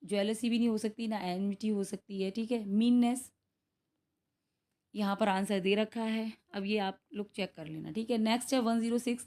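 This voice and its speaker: A young woman with an Indian accent takes students through practice questions for an exam. She switches between Hindi and English as she explains and reads each question out slowly. She checks in with her students often as she goes. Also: fairly high pitch, a little mellow. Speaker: English teacher.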